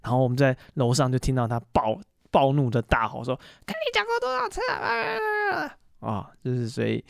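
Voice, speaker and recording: A man's voice: medium pitch, no echo, clean studio sound. Chatty man telling stories. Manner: chatty, animated retelling full of fillers. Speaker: podcast host. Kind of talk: casual solo storytelling monologue.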